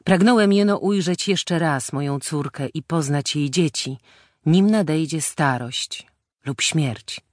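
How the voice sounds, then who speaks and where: A man's voice: a little high, slow, dry recording, studio quality. A woman narrator voicing a brooding nobleman husband who speaks in grave, old-fashioned formal phrases. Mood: tender. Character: brooding married nobleman, bitter toward his family.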